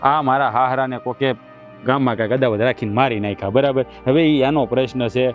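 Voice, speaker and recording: A man's voice: mid-range voice, brisk, faint music behind, natural voice. An actor playing an exasperated village husband, complaining to his father.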